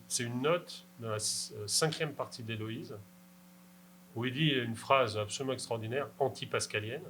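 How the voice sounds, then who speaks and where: A man's voice: medium pitch, sharp tone, a little hiss or hum, low-quality recording. A man answering questions after a lecture, emphatic and insistent, checking in with his audience. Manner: emphatic, insistent, rhetorical "d'accord?". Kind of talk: academic Q&A answer.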